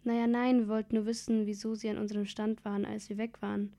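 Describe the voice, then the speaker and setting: A woman's voice: medium pitch, flat delivery, quick pace, creaky, warm tone, lightly acted. A woman voicing a curious, blunt girl playing detective, in a read-aloud story. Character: curious young girl detective, grumpy at times.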